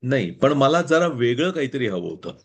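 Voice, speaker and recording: A man's voice: mid-range voice, very animated, moderate pace. A man voicing an earnest, lovesick young man who pleads and asks anxious questions in a told story. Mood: eager.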